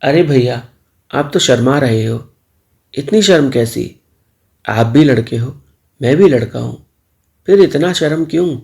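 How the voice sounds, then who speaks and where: Guy doing a teasing young milkman, playful, low gravelly mellow voice, storybook. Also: a little slow, long pauses. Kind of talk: storybook dialogue.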